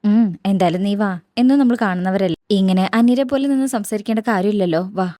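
A woman's voice: medium pitch, a little fast, dark tone, no echo, clean studio sound, close to an everyday voice. A woman voicing an elderly, emotional mother in a retold TV serial, asking fretful questions. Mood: soothing.

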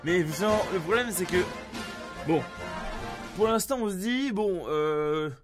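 A man streaming live gameplay, commenting excitably, often swearing and yelling at the game. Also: high-pitched, takes it slowly, music in the background.

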